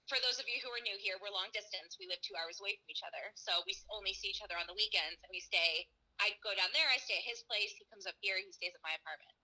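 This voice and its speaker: A young woman telling a story in a casual chat, animated, laughing and swearing freely. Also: medium pitch, fast talker, poor audio. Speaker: girlfriend answering viewer questions.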